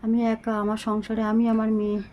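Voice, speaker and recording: A middle-aged woman talking slowly and haltingly to her viewers into a phone camera, weak and short of breath. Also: on the high side, monotone, dull audio, a little hiss or hum. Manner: slow, halting, pleading. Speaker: vlogger. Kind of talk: casual talk to viewers.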